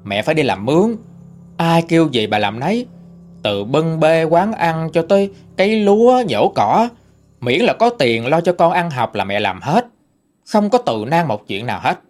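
Guy reading out ghost story letters, chatty, voice goes up and down, soft music behind. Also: a little high, very animated, moderate pace. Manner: conversational storytelling. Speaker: ghost story channel narrator. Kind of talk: reading listener-sent stories.

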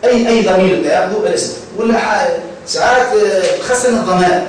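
A man's voice: sits high, fast, far from the mic, slight background noise. A man with a Tunisian Arabic accent teaching a grammar lesson, quizzing students and repeating key words. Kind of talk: classroom lecture. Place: classroom. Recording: echoey classroom, voice from afar.

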